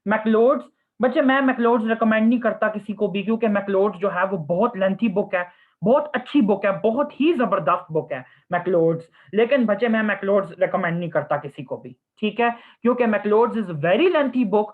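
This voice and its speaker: A man's voice: high-pitched, moderate pace. Young guy doc answering student questions, mixes in english, keeps saying okay, sounds like a phone line. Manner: mixes English phrases into Hindi-Urdu, calls listeners 'children'; repeats 'ठीक है' often. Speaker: surgery postgraduate resident answering students' questions. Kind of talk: casual advice session. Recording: phone-like narrow audio.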